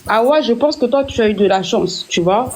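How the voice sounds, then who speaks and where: A woman's voice: a little high, expressive, brisk, a little mellow, slight background noise. Young French woman speaking candidly. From France. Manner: candid, earnest, many restarts and fillers. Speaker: guest on a live stream. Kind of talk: casual live chat.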